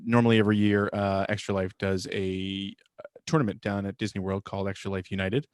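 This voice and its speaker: A man's voice: low-pitched, flat delivery, brisk, clean tone, no echo. A man co-hosting a podcast, telling a rambling story in casual chat. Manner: rambling, many fillers and restarts. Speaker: podcast co-host.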